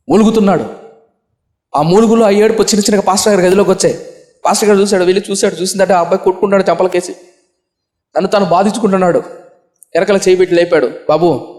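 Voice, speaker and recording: A male pastor telling a sermon story, asking himself questions and answering them, with vivid repetition. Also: sits high. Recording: echoey room.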